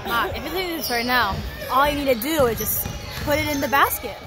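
A woman chatting and shouting cheers from the stands at a youth basketball game, filmed on a phone in a large indoor gym. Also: high-pitched, brisk, music in the background. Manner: excitable, shouts cheers at players. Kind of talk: casual courtside chat and cheering. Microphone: phone camera in the stands. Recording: phone video with loud gym crowd. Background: loud crowd and bouncing basketballs.

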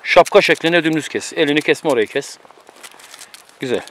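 A man's voice: a little high, normal speed, fairly bright tone. A man cooking outdoors on a mountain, giving teasing, bossy instructions to a friend in casual chat, recorded on a camera mic. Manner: bossy, teasing running commentary.

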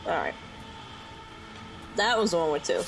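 A woman giving casual let's-play commentary while she plays, muttering to herself with quick frustrated outbursts. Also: on the low side, gravelly, rough recording. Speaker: gaming YouTuber. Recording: game music behind her voice. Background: game music.

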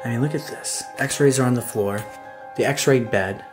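Young man, excitable explorer, handheld camera mic, faint music underneath. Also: mid-range voice, normal speed. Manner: excitable, exclaiming, swearing casually. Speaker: urban explorer host. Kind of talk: casual exploration vlog. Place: inside a dark abandoned hospital.

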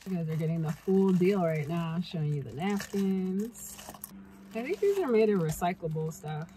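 A woman's voice: on the low side, expressive, moderate pace, noisy background. A young woman vlogger chatting casually while taste-testing snacks, talking with her mouth full at times. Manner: chatty, talks while eating. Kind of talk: casual food taste-test chat. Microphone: camera mic.

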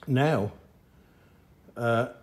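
In his garage, a man films himself fixing a motorcycle, talking to the camera and muttering his thoughts as his frustration builds. His mid-range voice is a little mellow, and he speaks extremely slowly.

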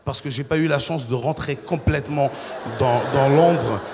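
A man from Ivory Coast doing stand-up, acting out characters and bursting into shouted voices. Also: mid-range voice, normal speed, faint music behind. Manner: acts out characters, switches into loud shouted voices. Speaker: stand-up comedian. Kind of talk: stand-up comedy. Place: large theatre stage. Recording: live hall reverb with audience.

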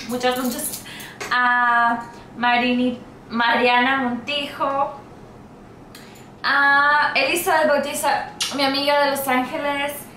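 A woman beauty vlogger giving casual shout-outs to her viewers, reading out a long list of names and tripping over some of them. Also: sits high, reverberant, slight background noise.

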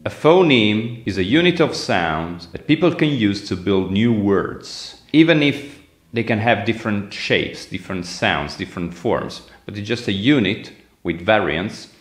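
A man's voice: fairly low pitch, expressive, a little slow, roomy sound. A man from Italy giving a phonetics lesson, explaining step by step and demonstrating sounds by repeating words. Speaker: language teacher.

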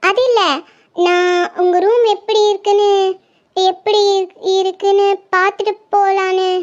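A woman's voice: extremely high pitch, little pitch movement, unhurried. A woman voicing a timid young girl in a cartoon who stammers and pleads after being caught snooping. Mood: anxious. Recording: slightly dull lo-fi audio.

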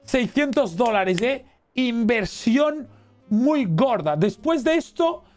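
A man with a Spain Spanish accent giving excitable, exclamatory let's play commentary as a gaming streamer. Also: very high-pitched, takes it slowly, faint music behind. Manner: excitable, exclamatory, cheering and reading chat aloud.

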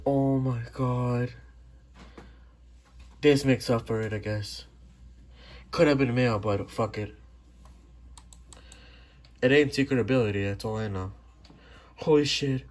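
A man's voice: mid-range voice, slow, long pauses. A young man reacting live to his game, swearing and blurting out bursts. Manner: swearing, excitable outbursts. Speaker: gamer recording his play.

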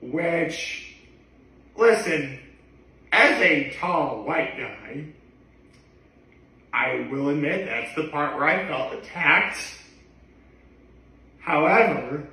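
Echoey, bright-voiced man rambling to camera. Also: medium pitch, vocal fry. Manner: hesitant, digressive, often backtracking. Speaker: daily video blogger. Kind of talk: casual rambling vlog to camera. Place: living room, indoors. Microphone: camera a few feet away. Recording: echoey room, distant microphone.

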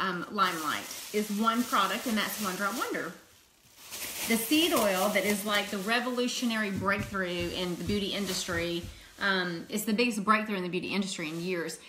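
Bright and forceful at a medium pitch, her voice comes through a low-quality recording with slight background noise. She's a Louisiana makeup seller in her fifties with a mild Southern accent. She chats on a casual livestream from her home table, phone camera close up, greeting viewers with easy laughter.

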